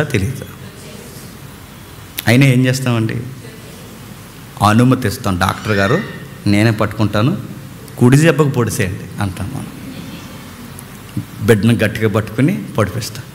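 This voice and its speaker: A man preaching a sermon in an animated way, asking his listeners questions and answering them himself. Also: medium pitch, long reverb tail, a little hiss or hum.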